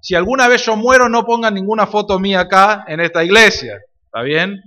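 A young man preaches with a Rioplatense Spanish accent, his voice high and bright. He is emphatic, swinging from loud declarations to soft asides. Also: fairly quick. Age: young adult. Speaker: pastor. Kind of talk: sermon.

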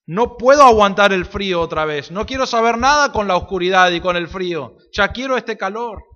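A man's voice: high voice, animated, moderate pace, pushed and bright. Man voicing an earnest, pleading cave woman. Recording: reverberant hall, dull lo-fi sound.

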